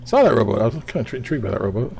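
Gravelly easygoing gamer, narrates his play, light noise under it. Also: on the low side, sing-song, very fast, darkish tone. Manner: easygoing, chatty, narrates what he sees. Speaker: livestream gamer. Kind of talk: casual gameplay chat.

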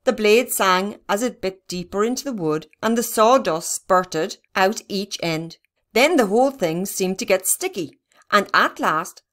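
A woman narrating a children's storybook in a steady, even reading. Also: medium pitch. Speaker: reader.

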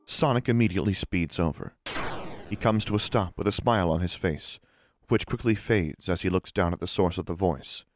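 Deep-voiced man reading scene directions. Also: normal speed, dry recording. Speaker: narrator. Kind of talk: scripted narration of stage directions.

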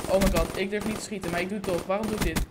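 A man from the doing excitable gameplay commentary while he has the hiccups, so his voice keeps cracking. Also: high-pitched. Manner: excitable, swearing, quick exclamations. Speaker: gaming YouTuber. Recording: game gunfire noise in background.

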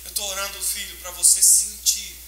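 Male preacher, high voice, fervent emotional sermon, roomy church echo, faint hiss. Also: little pitch movement, moderate pace. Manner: fervent, emotional preaching with sudden loud and soft swings. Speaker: pastor. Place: church sanctuary.

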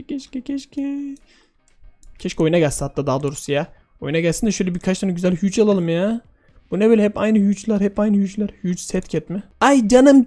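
Excitable man, gaming commentary, mellow voice. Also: a little high. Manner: excitable, exclaims and laughs often; addresses viewers directly. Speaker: gaming video host. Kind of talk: casual gameplay commentary.

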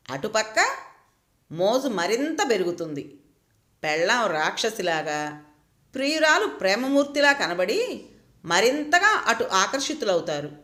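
Resigned, reasoning wife, lively, higher-toned delivery , read by a woman. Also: echoey room. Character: hurt but composed married woman.

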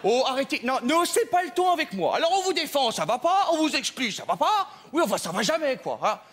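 A man's voice: very high-pitched, big pitch swings, brisk, a bit bright, heavily acted. A man playing a fussy, mock-polite male census clerk at a counter in a stage comedy sketch, with stammering fillers. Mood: officious.

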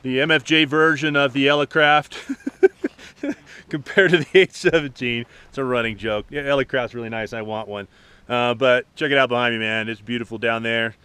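A man's voice: medium pitch, steady tone, normal speed, pushed and bright, clear, resonant tone, no echo. A man hosting an outdoor vlog and making ham radio calls, casual and slangy, recorded on an action camera. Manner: laid-back, slangy. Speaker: vlog host and amateur radio operator. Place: outdoors on a snowy mountain peak.

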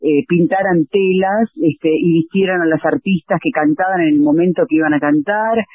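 A woman with a Rioplatense accent tells her stories in a husky, lively voice, often acting out the dialogue. The sound is tinny and narrow, as if it came over a phone line into a radio studio. There is no room echo at all. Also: lowish voice, normal speed. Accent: Rioplatense Spanish. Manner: lively anecdotal, acts out dialogue. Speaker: tango singer and actress being interviewed. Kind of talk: radio interview storytelling.

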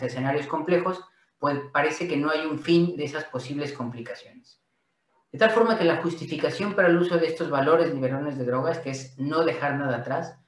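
Middle-aged Mexican-accented man, lecturer on a video call, voice a bit high, roomy and far off. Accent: Mexican Spanish. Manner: explanatory, with frequent fillers. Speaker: guest speaker. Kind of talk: webinar presentation. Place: home office, video call. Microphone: laptop mic on video call. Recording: echoey room, off-mic.

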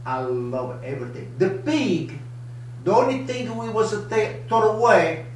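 An older man with a strong Italian accent chats through a live cooking show in lively, broken English, his voice sitting fairly high for a man. He is heard from across a home kitchen, with heavy room echo and a faint hiss behind him. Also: a little slow, distant mic. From Italy. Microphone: camera across the counter. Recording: echoey kitchen, voice from afar.

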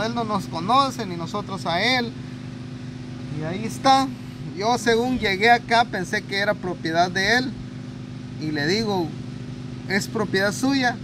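Outdoors in a rural yard under trees, a man in his thirties with a Guatemalan Spanish accent hosts his charity video channel, mixing casual vlog narration with an interview. He sounds earnest, uses religious phrases, and speaks straight to viewers in a voice that sits high, while traffic noise runs through the recording.

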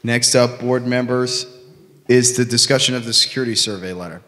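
A man chairing a public meeting, moving briskly through the agenda. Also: medium pitch, sharp tone. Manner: brisk, procedural. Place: large meeting room. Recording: long reverb.

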